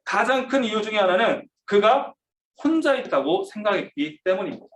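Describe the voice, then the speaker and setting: A man's voice: high voice, very animated, moderate pace, fairly bright tone. A man preaching a youth sermon, telling the story vividly, asking the listeners questions and acting out the quotes. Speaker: youth pastor. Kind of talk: sermon to teens over video call. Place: church room. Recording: roomy, distant mic.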